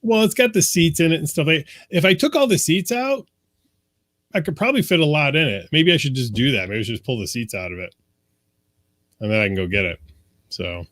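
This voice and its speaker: A man's voice: a little high, lively intonation, fairly quick, a bit bright, no echo. A man co-hosting a casual podcast from his basement studio, joking crudely and laughing often. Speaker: co-host.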